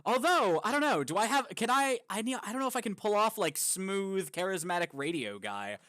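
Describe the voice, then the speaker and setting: A man's voice: sits high, big pitch swings, brisk, a bit bright, no echo, studio quality. Chatty man hosting a live stream. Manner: playful, trails off into restarts and laughs. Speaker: livestream host. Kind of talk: casual chat.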